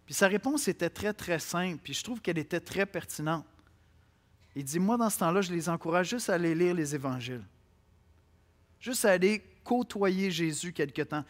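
A man preaching a sermon with a Québécois accent, speaking to listeners directly and swinging between loud declarations and quiet asides. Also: sits high, lively intonation, moderate pace. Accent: Québécois French. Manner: conversational, addresses listeners directly.

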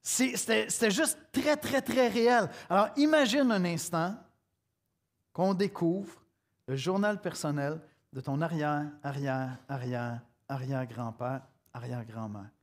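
A middle-aged man with a Québécois accent delivers a sermon like a story told among friends. He speaks straight to his listeners in a casual, familiar way. His voice sits a little high for a man. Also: a little slow. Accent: Québécois French. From Quebec. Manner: conversational, storytelling, addresses listener directly. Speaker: pastor.

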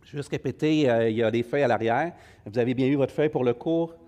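A man's voice: mid-range voice, fast, warm tone. A middle-aged man with a Québécois French accent leading an informal Bible study class, hesitant with many fillers and friendly asides to the group.

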